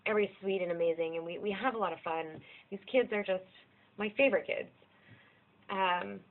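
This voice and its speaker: A woman's voice: medium pitch, gravelly. A young American woman talking candidly about her life in a rambling, self-deprecating way, swearing freely. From United States. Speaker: vlogger. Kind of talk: casual personal vlog monologue. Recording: tinny lo-fi narrow-band audio.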